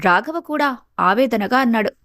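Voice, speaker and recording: A woman storyteller reading a scripted family story in a steady, even way. Her voice sits fairly high, and the recording is close and bone-dry. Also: moderate pace, no echo.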